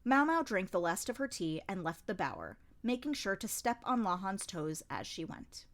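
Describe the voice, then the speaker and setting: A woman narrates a novel as a fan audiobook. Her reading is expressive, her pitch swings freely in a middle range. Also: normal speed.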